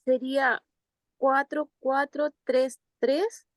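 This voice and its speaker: A woman takes part in an online poetry workshop and asks the teacher short, polite questions. Her voice is high and unhurried. It sounds dry and close on the call. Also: flat delivery, dry recording. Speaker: workshop participant. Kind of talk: asking a question in class.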